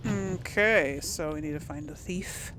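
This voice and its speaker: A woman with a low-pitched voice hosts a gaming video, offering casual commentary to her viewers at a measured pace over background noise. She often mutters to herself hesitantly as she talks to the audience.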